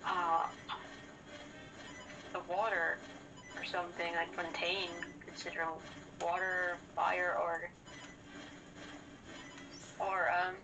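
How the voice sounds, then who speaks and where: A woman with a lowish, flat voice speaks slowly with long pauses while casually and bluntly co-hosting a gaming session, cursing occasionally. The audio is dull, and video game music plays in the background.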